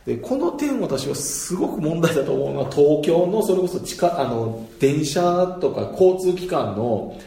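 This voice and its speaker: Animated man with a Kansai accent. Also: a little high, unhurried, vocal fry, hardly any pauses. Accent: Kansai Japanese. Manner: chatty, laughs often between points. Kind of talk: casual explanatory monologue. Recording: roomy echo.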